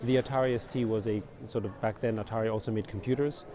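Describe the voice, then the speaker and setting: A middle-aged man from Austria, a company founder, answering interview questions in a relaxed, rambling way full of fillers. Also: fairly low pitch, quick pace. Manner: relaxed, rambling, many fillers like "you know" and "basically". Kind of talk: conversational interview. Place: outdoors at a busy conference venue. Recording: crowd chatter behind. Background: crowd noise.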